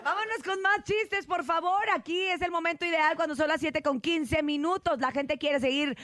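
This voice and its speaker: A woman's voice: extremely high pitch, moderate pace, fairly bright tone, no room sound. A woman hosting a morning radio show, playful and teasing, slipping into sing-song asides. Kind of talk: lively morning radio banter.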